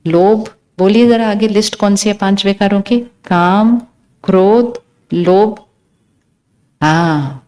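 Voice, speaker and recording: A woman delivers a spiritual talk to a gathered audience at a middle pitch. She quizzes her listeners and counts off single words in a slow, teaching way. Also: darkish tone. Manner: questions the audience, lists words one by one. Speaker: spiritual speaker.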